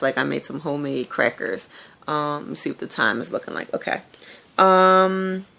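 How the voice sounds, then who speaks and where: A woman's voice: low-pitched, creaky, sharp tone. A woman talking candidly to her viewers in a casual video diary, telling stories with lots of fillers. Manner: chatty, candid storytelling with many fillers. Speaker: vlogger.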